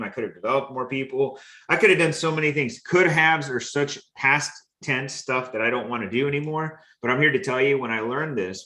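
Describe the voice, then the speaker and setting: A man's voice: medium pitch, pushed and bright. A man hosting a motivational talk, speaking earnestly and repeating phrases for emphasis. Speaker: host.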